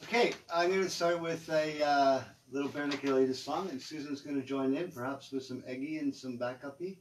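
A man's voice: a little high, a little fast, distant mic. A man co-hosting a casual chat show, full of jokes and wordplay. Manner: jokey, wordplay-loving. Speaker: co-host.

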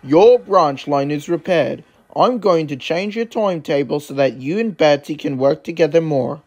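A man voicing a stern male railway boss with a brisk, authoritative manner. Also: on the high side, lively intonation, darkish tone, muffled recording, faint music behind. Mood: businesslike.

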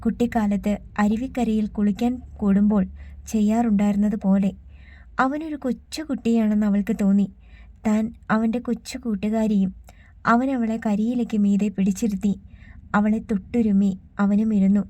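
A woman reading an audiobook story as narrator in a calm, measured way. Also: mid-range voice, no echo.

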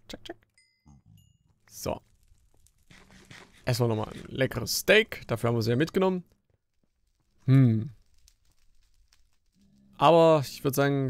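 Gravelly man chatting over gameplay. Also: mid-range voice, a little hiss or hum. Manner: chatty, grumbling and joking at the game; jumpy bursts of excitement while fighting. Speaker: Let's Play host. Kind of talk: casual gameplay commentary.

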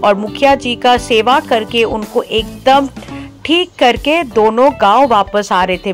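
A woman vlogging on a road trip, chatting casually and telling a local story, easily excited and mixing in English phrases. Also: on the high side. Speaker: travel vlogger. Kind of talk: casual travel vlog with storytelling.

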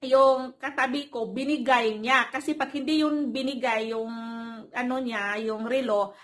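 A woman's voice: sits high, measured pace. A woman telling a personal story in a casual, chatty way, laughing often and calling her viewers guys. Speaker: vlogger. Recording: loud background noise.

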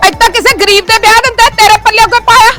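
A sharp-tongued village wife nags and scolds her husband without pause, played by a woman. Her voice is very high and bright, with an edge that cuts through. It is a comic scene from a web series. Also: steady tone, faint music behind. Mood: furious. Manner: scolding, nagging. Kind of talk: comedy web series acting.

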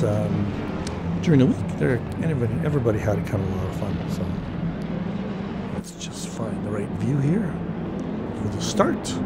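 An older man hosting a casual sim racing replay, talking in a relaxed, rambling way with many fillers, his voice cracking and often clearing his throat. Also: mid-range voice, very noisy. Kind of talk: casual race replay commentary.

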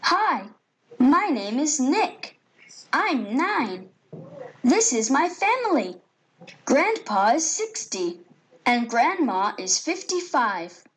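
A woman playing a cheerful nine-year-old boy who introduces his family in a high, lively voice for a classroom listening track. He speaks very slowly and clearly, with a bright, sing-song delivery. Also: exaggerated voice. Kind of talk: recorded textbook listening audio.

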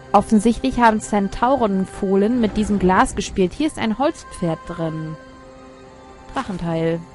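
A woman's voice: mid-range voice, a little mellow. Chatty woman doing gameplay commentary. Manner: chatty, reads game text aloud, muttering asides. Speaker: let's player.

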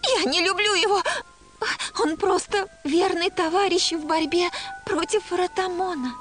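High-voiced feisty cartoon heroine. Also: female voice, unhurried. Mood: anxious, insistent. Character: earnest, feisty young female adventurer. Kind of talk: dubbed fantasy cartoon acting. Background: music.

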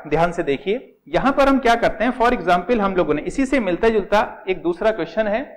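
A middle-aged man with an Indian accent teaching chemistry step by step, asking questions and answering them himself, and calling his students "beta". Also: high voice. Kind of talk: classroom lecture in Hindi with English terms.

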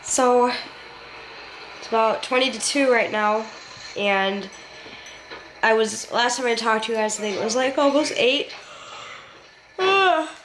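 Her voice is on the high side, a little slow, with frequent pauses, and there's background noise. She's a young vlogger nursing a head cold, nasal and stuffy from congestion, talking into a handheld camera held near her face from her living room couch, rambling in a relaxed, chatty way and swearing casually.

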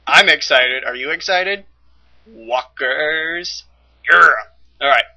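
A young man giving excitable gameplay commentary as a let's play host, exclaiming and laughing often. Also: fairly high pitch, moderate pace.

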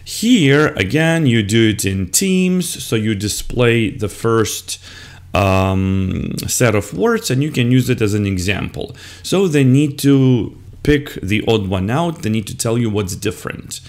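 A man's voice: mid-range voice, lively intonation, measured pace. An older man, an English teacher, talks other teachers through a slide lesson step by step, modelling the words and answers as he goes. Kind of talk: screen-recorded lesson walkthrough. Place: indoors at a computer.

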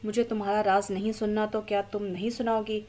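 A dry, wry young man from an audio novel, voiced by a woman narrator, needling with mild sarcasm. The tone is mellow and warm. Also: medium pitch, flat delivery, brisk, lightly acted. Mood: teasing.

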